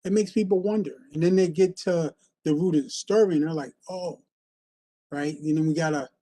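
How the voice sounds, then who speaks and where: A man's voice: on the high side, fairly quick, mellow. A man hosting an interview in a casual, chatty way, full of fillers and repeated starts. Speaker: host.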